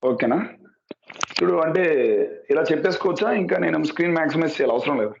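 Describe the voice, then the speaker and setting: Fast-talking man on an echoey call. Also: on the high side, vocal fry, slight background noise. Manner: quick, asks repeatedly whether he can be heard. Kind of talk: casual call about camera and mic setup. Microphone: phone on a video call. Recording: echoey, dull lo-fi call audio.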